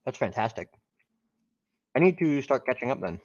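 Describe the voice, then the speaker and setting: A man hosting a casual game stream, chatting in a halting, friendly way with lots of fillers. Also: medium pitch, big pitch swings, darkish tone, no echo, lo-fi sound. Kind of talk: casual gameplay chat.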